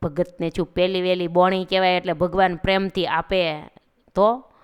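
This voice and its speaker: A woman narrating a devotional story, talking lively and directly to her listeners. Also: on the low side, moderate pace, clean tone.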